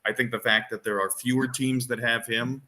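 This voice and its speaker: A man's voice: medium pitch, flat delivery, normal speed, bright, forceful tone. A man co-hosting a fantasy football podcast, explaining his reasoning in casual chat and thinking aloud with frequent restarts and fillers.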